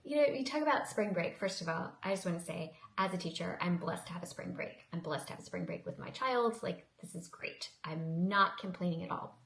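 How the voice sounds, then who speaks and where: A woman in her thirties, a high school teacher, chatting casually in a vlog, rambling with restarts and asides. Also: reverberant.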